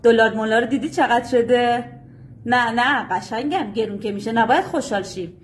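A woman's voice: on the high side, a little hiss or hum, natural voice. A woman playing a doting mother in a satirical one-sided phone call, patiently coaxing her grown son like a small child. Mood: patient, explaining. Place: small indoor room.

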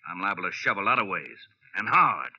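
In a 1940s radio acting style, an American man plays a grim, menacing Western gambling boss who uses folksy tough talk. His low voice is very animated, brisk, sharp and exaggerated, with a breathy edge, heard on a muffled old-time radio recording.

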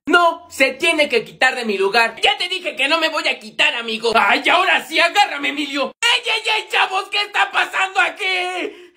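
A young man with a Mexican accent performs comedy skits in an unnaturally high voice. His tone is bright and forceful. The delivery is exaggerated and animated, switching between characters. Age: young adult. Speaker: comedy skit creator playing all characters. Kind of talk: acted school comedy skit storytime.

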